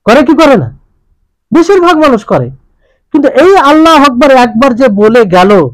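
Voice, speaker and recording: A man's voice: very high-pitched, dry recording, rough recording. A male preacher giving a religious lesson who keeps asking his listeners questions and repeating the key points. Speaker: Islamic preacher.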